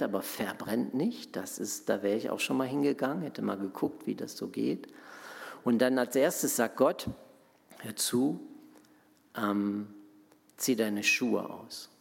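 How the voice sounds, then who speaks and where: A man's voice: medium pitch, creaky. A man preaching in an interactive, conversational way, asking his listeners questions as he explains a Bible passage. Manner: asks the audience questions, conversational. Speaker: pastor. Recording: long hall reverb.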